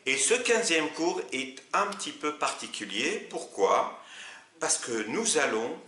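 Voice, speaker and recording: A man teaching an Arabic lesson, explaining slowly and patiently. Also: roomy sound. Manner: slow, patient explaining with lively pitch. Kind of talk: video lesson.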